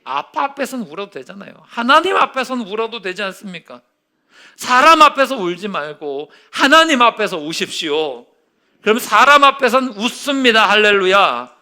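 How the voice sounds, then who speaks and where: Bright-voiced male preacher. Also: sits high, very animated, normal speed. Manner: storytelling with acted-out quotes, swinging from hushed to loud. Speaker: pastor. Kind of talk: sermon.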